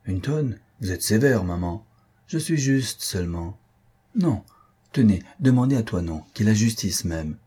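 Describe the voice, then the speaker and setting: Playful young count, teasing, affectionate, read by a man, low husky voice. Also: expressive, a little slow, mellow.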